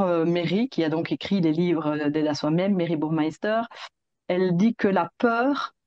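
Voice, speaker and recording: A woman practitioner gently explaining a relaxation practice, hesitating often as she goes. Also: on the low side, no echo, highs cut off. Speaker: Jin Shin Jyutsu practitioner.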